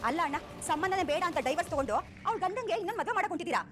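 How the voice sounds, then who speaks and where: An outspoken, teasing woman of the household. Her voice is very high and she talks at great speed, with music behind her. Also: animated, racing. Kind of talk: TV serial acting. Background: background music score.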